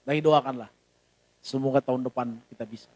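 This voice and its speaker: A man preaching as a pastor at a church service, in a lively conversational way with jokes and acted asides. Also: medium pitch, brisk. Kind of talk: sermon. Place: church hall.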